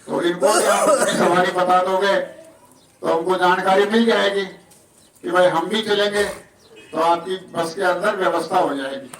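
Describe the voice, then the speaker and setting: At a village satsang in Rajasthan, a man preaches in a folksy, humble way, acting out the villagers' voices as he makes announcements. His voice is high-pitched and fairly bright, and the recording is distant and echoey with noise from outdoors.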